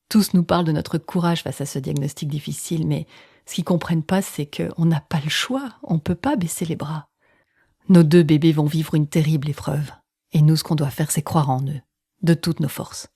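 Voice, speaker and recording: A woman telling an intimate personal story in the first person, using dramatic pauses, sometimes dropping close to a whisper and acting out what others said. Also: low-pitched, darkish tone, husky, no room sound.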